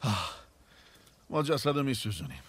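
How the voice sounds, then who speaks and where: A man dubbing a lawman in a drama, speaking in a steady, commanding way. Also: medium pitch, breathy edge, no room sound. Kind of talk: Persian dub acting.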